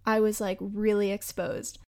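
A woman's voice: mid-range voice, flat delivery, measured pace, darkish tone. A young woman hosting a podcast and telling a travel story in a chatty, emphatic way. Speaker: podcast host. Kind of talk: casual storytelling.

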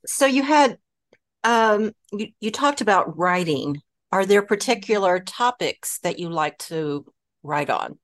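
A woman's voice: medium pitch, lively intonation, measured pace. A woman hosting a podcast interview, asking her questions with fillers and restarts. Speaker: podcast host.

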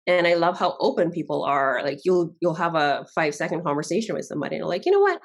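A woman's voice: lowish voice, big pitch swings, quick pace. A woman from Barbados, a guest chatting casually in an interview and laughing often.

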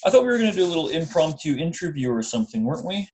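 A man's voice: a little high, very animated, rapid-fire, a little mellow, slightly rough. A middle-aged man co-hosting a podcast in a casual, slightly hesitant way, as if thinking aloud. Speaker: podcast co-host. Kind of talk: casual chat.

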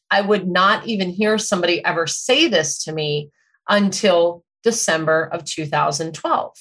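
A middle-aged woman telling a personal story in a measured, thoughtful and self-questioning way, as a podcast host. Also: lowish voice, fairly bright tone.

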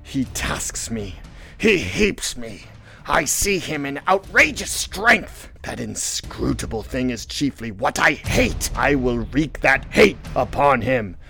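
A man's voice: medium pitch, normal speed, faint music behind, lightly acted. A man voicing a vengeful, domineering old sea captain in a dramatic novel reading, with grandiose, archaic seafaring speech. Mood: seething.

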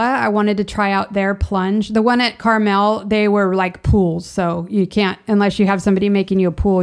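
Chatty woman with a creaky voice. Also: mid-range voice. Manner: chatty, rambling, self-interrupting. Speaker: vlogger sharing personal experience. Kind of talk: casual informal monologue.

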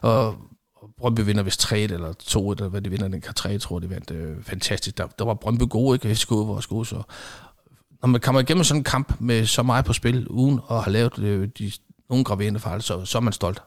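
A middle-aged man, a former football referee, telling lively anecdotes in conversation and acting out what people said. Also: fairly low pitch. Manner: animated storyteller acting out quoted exchanges.

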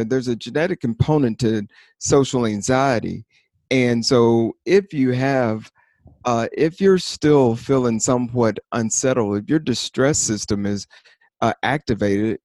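A man co-hosting a podcast in casual chat, rambling and animated, with many fillers and restarts. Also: mid-range voice, dry recording. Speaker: podcast co-host.

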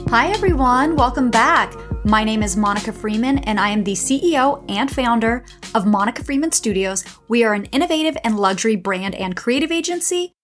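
A woman's voice: on the high side, animated, fairly quick, a bit bright, soft background music. Upbeat woman host recorded on a phone. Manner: encouraging, emphatic, coaching tone. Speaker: podcast host and agency founder. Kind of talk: solo business-advice podcast talk.

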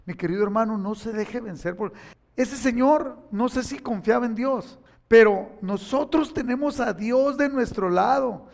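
A man's voice: extremely high pitch, unhurried, gravelly, a little mellow. An older man with a Mexican accent preaching a sermon, emphatic and repetitive, speaking directly to his listeners.

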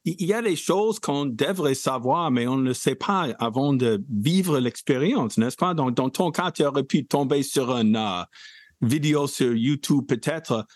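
A man hosting an interview, asking measured questions that he often tags with "n'est-ce pas". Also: mid-range voice, no room sound, studio quality. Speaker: radio host.

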